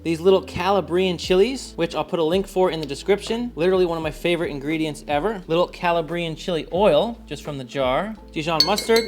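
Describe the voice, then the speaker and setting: A man's voice: a little high, brisk, hardly any pauses, soft background music. A man hosting a casual home cooking video, chatting to his viewers as he works. He stays upbeat and slips in jokes. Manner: upbeat, joking, talks to viewers. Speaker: cooking show host.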